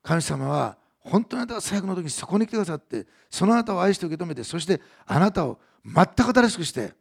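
A man preaching a sermon as pastor, earnest, moving between soft hushed passages and raised emphatic lines. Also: sits high, very animated, fast, gravelly, husky.

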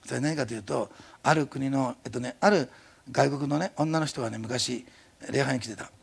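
A middle-aged man preaching a sermon, telling a story in a fast, animated way. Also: medium pitch, vocal fry, husky. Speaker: pastor.

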